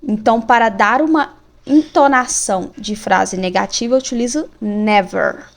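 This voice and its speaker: A woman teaching English grammar, explaining exercises slowly and reading the example sentences with care. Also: a little high. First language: Portuguese. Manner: slow, careful, reads examples deliberately.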